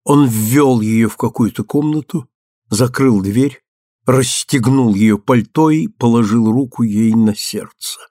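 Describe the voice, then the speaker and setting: A man narrating a novel as an audiobook in a measured, even reading. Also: medium pitch, dry recording, studio quality. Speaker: audiobook reader.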